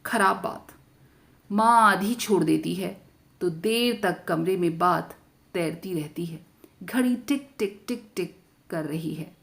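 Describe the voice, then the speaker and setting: A woman narrating a story in first person as a young girl, with an expressive reading. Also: lowish voice, slow, gravelly, slightly rough.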